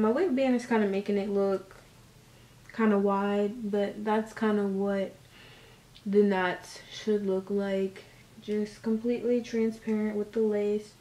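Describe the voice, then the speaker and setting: Her medium-pitched voice is a little mellow as she loosely chats viewers through doing their hair at home. It's a casual how-to vlog packed with slang and fillers, recorded roomy from a camera placed at a distance.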